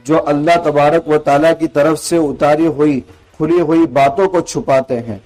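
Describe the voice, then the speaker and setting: A man's voice: a little high, darkish tone, low-quality recording. A man, an Islamic scholar, giving an earnest Quran commentary lesson, explaining verse by verse, reciting the Arabic lines and asking rhetorical questions to drive points home.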